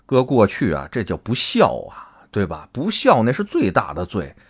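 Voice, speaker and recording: A man, hosting a podcast and telling a story in a casual, animated, colloquial way. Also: lowish voice, moderate pace, husky. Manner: animated, colloquial, acts out characters' lines. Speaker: podcast host.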